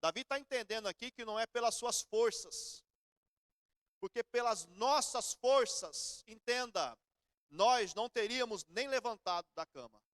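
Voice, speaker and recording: A man's voice: very high voice, unhurried, a bit bright, no room sound, studio quality. A middle-aged Brazilian man preaching a sermon in church, telling everyday stories in a conversational way. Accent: Brazilian Portuguese. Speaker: pastor.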